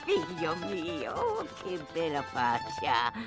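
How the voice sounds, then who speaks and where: A woman's voice: low-pitched, wildly swooping pitch, takes it slowly, full character voice. A woman voicing an elderly Italian woman in a cartoon, who fusses over her pets in broken English with a strong Italian accent. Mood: doting. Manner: fussing, scolding, broken English. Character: doting old Italian woman, bossy mother type. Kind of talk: cartoon voice acting. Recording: music behind.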